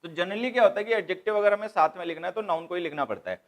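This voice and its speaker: A high-voiced male English grammar teacher lectures a class very fast, mixing English terms into his Hindi. He walks through the material step by step and repeats the key points.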